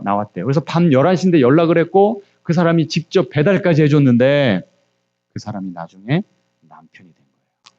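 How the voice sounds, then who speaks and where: A man's voice: fairly high pitch, warm tone, dull audio. A male pastor preaching, telling stories and acting out quoted voices while questioning the congregation. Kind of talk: sermon.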